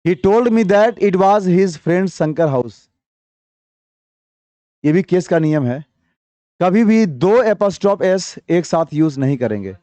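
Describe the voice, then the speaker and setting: A man teaches grammar in a high, mellow voice, reading sentences out slowly and then pressing his students for answers. The sound is dry and close, with no room around it. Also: no room sound. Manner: coaxing, quizzing students with repeated questions; reads English sentences slowly, then explains briskly. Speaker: English teacher. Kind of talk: classroom grammar lesson.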